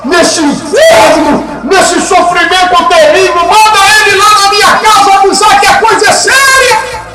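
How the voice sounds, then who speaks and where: A man voicing a tormented rich man in hell who pleads in anguished shouts. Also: extremely high pitch, creaky, recorded from a distance. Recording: echoey room with music behind.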